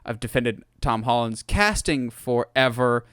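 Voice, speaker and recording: A man hosts a casual podcast with animated, opinionated enthusiasm. His voice comes through smooth and resonant, at a middle pitch, recorded dry and close. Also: measured pace, dry recording. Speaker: podcast host.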